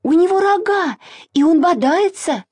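A woman doing a shrill squealing little girl. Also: wildly swooping pitch, normal speed, a little mellow, breathy edge, no room sound. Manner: squealing, shrieking.

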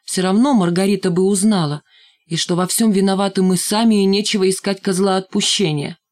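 A woman narrating a children's story in a first-person, measured, storytelling manner. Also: medium pitch, fairly even intonation, darkish tone. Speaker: audiobook reader. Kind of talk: scripted narration.

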